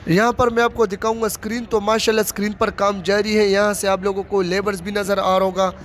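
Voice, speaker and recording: Talking quickly in a high, somewhat bright voice with little pitch movement, a man from Pakistan gives a casual walking tour of a large stadium being built. He films outdoors on a handheld phone, keeps up plain commentary and repeats himself, with slight background noise.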